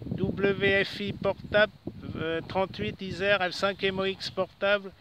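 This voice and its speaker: A man with a high-pitched voice and level tone speaks a little slowly, chatting hesitantly during a casual amateur radio contact, trading call signs and leaning on tag words. He's outdoors in a city park, and the recording is clearly noisy with clicks.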